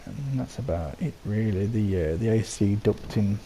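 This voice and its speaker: Hoarse from a sore throat, a deep, gravelly-voiced man rambles expressively at a moderate pace through a casual tour of his game settlement. His tone is dark and mellow, peppered with ums and restarts, and a faint hiss sits beneath it.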